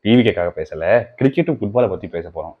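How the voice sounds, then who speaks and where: A man chats quickly in a casual comedy format. His words come at a fast clip, teasing his co-host. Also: fairly low pitch, animated, phone-quality sound.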